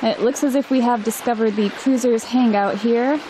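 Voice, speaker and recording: A woman's voice: on the high side, fairly even intonation, moderate pace, noisy background. Chatty young woman hiking outdoors. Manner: chatty, light laughs. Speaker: sailing vlogger. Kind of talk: casual hiking chat. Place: outdoors on an island trail.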